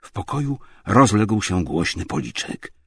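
A man reading a novel aloud as narrator in a calm, measured way. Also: lowish voice, slightly rough, dry recording. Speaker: audiobook narrator. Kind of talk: scripted narration.

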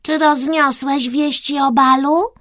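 A woman's voice: sits high, fairly even intonation, slow, a bit bright, no room sound, clean studio sound, voice pushed up. A woman voicing a playful young girl mouse in a children's story. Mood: grand.

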